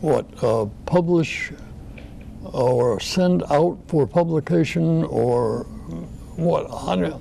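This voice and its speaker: Gravelly-voiced male interview host. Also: fairly high pitch, slow, a little hiss or hum. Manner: hesitant, gently stammering questions. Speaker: talk show host. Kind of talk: interview questions.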